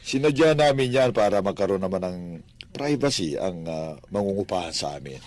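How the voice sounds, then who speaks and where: In a radio drama, an actor voices a kindly, devout Filipino father and landlord in middle age, speaking gently and earnestly with small hesitations. The low-pitched delivery is friendly and animated at a moderate pace, with slight background noise.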